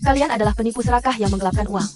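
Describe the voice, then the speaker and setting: A woman dubbing an angry wife who demands her money back, speaking quickly and combatively. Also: a little high, over music, lightly acted. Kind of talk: Indonesian dub of a drama series.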